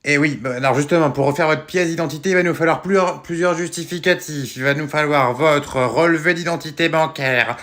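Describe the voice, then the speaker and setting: A rude office clerk, first fake-polite and then openly insulting, played by a man in a comedy sketch. His voice sits slightly high. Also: brisk, hardly any pauses, a bit bright. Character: rude town hall clerk.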